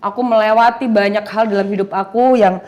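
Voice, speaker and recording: A woman's voice: medium pitch, fairly even intonation, fairly quick, a little mellow. A young woman telling an emotional personal testimony in an interview, acting out the dialogue in her story and slipping in English phrases. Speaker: guest giving a testimony.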